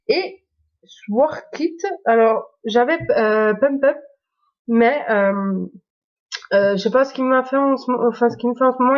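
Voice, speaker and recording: A woman talks casually to her viewers, stopping often to search for words. Her voice sits a little high. The recording is muffled and lo-fi. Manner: hesitant, many fillers and restarts. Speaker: YouTuber. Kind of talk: casual phone tour vlog.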